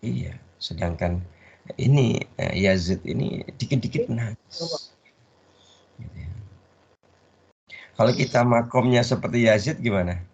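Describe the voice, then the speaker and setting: Male religious teacher, a gravelly, husky delivery, and call-and-response pauses. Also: medium pitch, expressive, a little mellow. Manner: call-and-response, leaves words half-said for the audience to finish. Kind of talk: Islamic study lecture. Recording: dull lo-fi recording.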